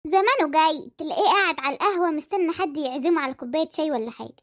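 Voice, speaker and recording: A performer voicing an eager, cheeky Egyptian boy in a cartoon, chirpy and quick, with an Egyptian accent. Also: high voice, a bit bright. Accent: Egyptian Arabic. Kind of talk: cartoon voice acting.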